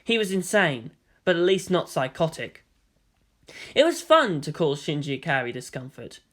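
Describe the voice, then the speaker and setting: An amateur audiobook narrator reads a fan fiction story in a steady, mid-pitched voice with plain, matter-of-fact delivery. The pacing stays even and unhurried, and he voices the dialogue in character.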